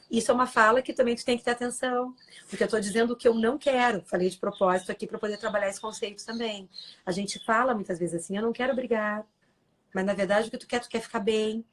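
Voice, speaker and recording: Woman, slightly high pitch, earnest, explanatory, live-stream talk, tag questions. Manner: earnest and explanatory, acts out quoted lines, frequent tag questions. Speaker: guest speaker on a live stream.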